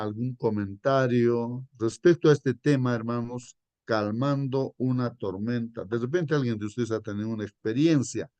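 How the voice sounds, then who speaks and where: A man leading a Bible study for his congregation in a conversational way, repeatedly addressing them as brothers and reading verses slowly and deliberately. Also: medium pitch, a little mellow, no room sound. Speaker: Sabbath school lesson leader.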